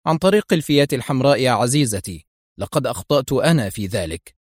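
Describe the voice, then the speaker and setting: A man's voice: mid-range voice, fast talker, no echo, studio quality, lightly acted. Man reading a cool, unflappable secret agent. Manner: calm, wry, firm.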